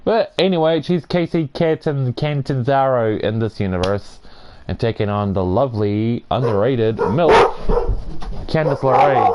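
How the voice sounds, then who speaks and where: A young man hosting a gaming video, calling a wrestling match play-by-play with excitable shouts and rambling asides. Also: mid-range voice, unhurried, very noisy. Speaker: gaming channel host. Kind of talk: play-by-play wrestling commentary over gameplay.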